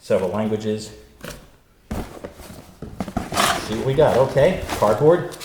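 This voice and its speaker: A man's voice: lowish voice, expressive, takes it slowly. Man in a big echoey room, chatty. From United States. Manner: chatty, exclamatory, wisecracking. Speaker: host and gear reviewer. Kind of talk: casual unboxing commentary. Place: untreated echoey room indoors. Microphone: stereo pair of studio microphones. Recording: big echoey room, clear reverb, faint noise.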